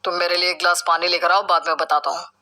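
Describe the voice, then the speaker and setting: Woman putting on a grumpy young husband voice, lowered and curt, still a bit bright. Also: little pitch movement, quick pace.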